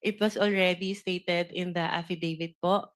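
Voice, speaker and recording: A middle-aged woman with a Filipino accent gives formal testimony before a senate committee. She speaks in a measured, respectful way and answers politely. She is a contractor defending her company. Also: fairly low pitch, steady tone. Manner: measured, polite, deferential, addresses "Your Honor" with "po". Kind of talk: formal prepared statement and answers at a hearing. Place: senate committee hearing room.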